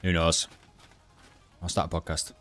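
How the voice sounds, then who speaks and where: A young man streaming a game, chatting bluntly and rambling with halting restarts to his live chat. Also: low voice, level tone, fairly bright tone, soft background music. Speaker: gaming livestreamer.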